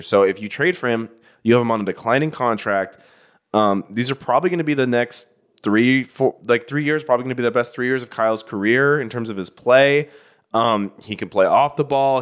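A man co-hosts a sports talk show from a studio. He talks in a casual, animated way, often restarting his sentences and then rattling off player stats. His voice sits at an average pitch. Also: smooth. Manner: animated, repeats himself, stacks stats. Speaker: podcast co-host.

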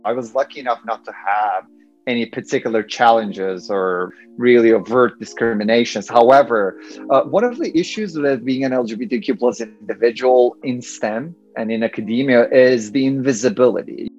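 A man's voice: mid-range voice, moderate pace, a little mellow, lo-fi sound, soft background music. A man, a guest speaking thoughtfully and hesitantly with many fillers in a casual interview. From Turkey. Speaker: guest, engineering professor.

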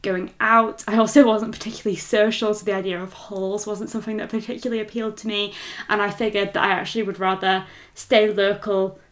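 A woman's voice: mid-range voice, little pitch movement, a little fast, few pauses, a bit bright. Young english woman, casual chat, teasing, laughs a lot. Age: young adult.

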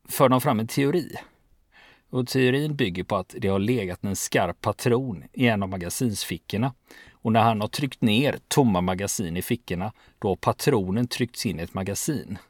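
A man with a fairly low voice narrates a true-crime podcast and walks through the facts of an investigation step by step. He speaks in a measured, plain-spoken manner, and the recording is dry and close, with no room sound. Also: no echo.

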